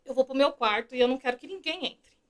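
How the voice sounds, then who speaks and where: A young woman shares a heartfelt personal testimony as a podcast guest. Her voice sits noticeably high, and she tells the story in a chatty, storytelling way, slipping into the voices of the people she quotes. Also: expressive, fast, a bit bright, roomy sound. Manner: storytelling, re-enacting quoted dialogue.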